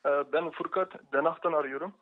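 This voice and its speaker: A man's voice: fairly high pitch, steady tone, fast. A man phoning in politely as a donor over a thin, narrow telephone line. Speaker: phone-in donor. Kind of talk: polite live call. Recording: tinny narrow phone line.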